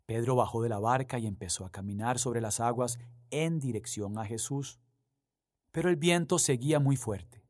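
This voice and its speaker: Husky-voiced man leading a guided meditation. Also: medium pitch, moderate pace, darkish tone, no room sound, clean studio sound. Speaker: scripture reader and prayer leader. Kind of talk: Gospel reading and guided meditation.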